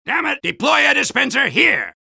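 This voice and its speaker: A man playing an excitable fighter who barks taunts and orders in a comedic cartoon fan dub. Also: very high voice, normal speed, vocal fry, dry recording, studio quality, full character voice. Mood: agitated, combative. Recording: loud gunfire and battle noise.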